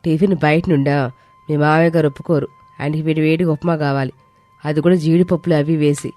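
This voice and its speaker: A woman's voice: low voice, fairly even intonation, a little fast, mellow, no room sound, faint music behind, close to an everyday voice. A woman voicing a bossy older mother-in-law who gives orders and scolds in a cartoon story. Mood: commanding. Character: stern older mother-in-law running the house.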